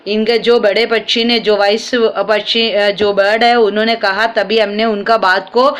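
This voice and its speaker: A young woman teacher in a classroom lesson, reading a story aloud slowly and retelling it with fillers and restarts. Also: medium pitch, level tone. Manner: reads the English text slowly with stress on each phrase.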